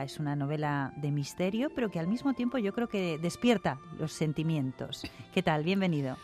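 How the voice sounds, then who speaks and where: A woman hosts a radio interview in Spanish, speaking in a slightly low voice. Her manner is warm and playful. Faint film score plays quietly beneath her. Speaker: radio host. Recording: soft music playing underneath.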